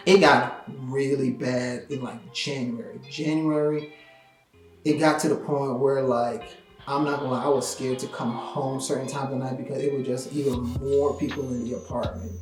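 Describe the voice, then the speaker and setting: A man vlogger tells a story casually in a mid-range voice at normal speed, animated and slangy, with lots of "like" fillers. The recording has a roomy echo and faint music.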